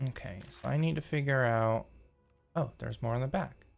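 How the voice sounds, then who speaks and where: A man streams a mystery game and reads its letters aloud in a gravelly, mid-pitched voice. He stumbles over words and corrects himself, stopping often for small asides to his viewers. Soft game music plays faintly behind him. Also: moderate pace. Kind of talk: live gameplay commentary and reading in-game letters aloud.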